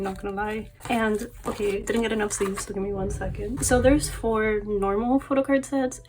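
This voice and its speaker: Her voice creaky and medium-pitched, a young woman rambles to camera about her collection and daily life, full of fillers and laughter. Allergies leave her sounding a bit off, and a little hiss or hum runs under the audio.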